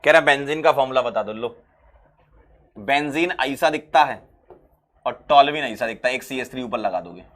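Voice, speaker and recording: Bright, lively chemistry teacher. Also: male voice, medium pitch, normal speed, long pauses. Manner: lively, repeats key phrases, asks and answers his own questions. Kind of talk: exam-prep chemistry lesson.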